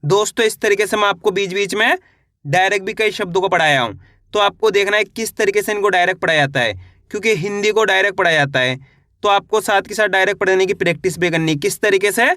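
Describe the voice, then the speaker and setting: A man's voice: high voice, fast talker, pushed and bright, no room sound, studio quality. A man teaching a reading lesson. He sounds out each syllable on its own, then joins them into a word, and asks the viewer questions as he goes.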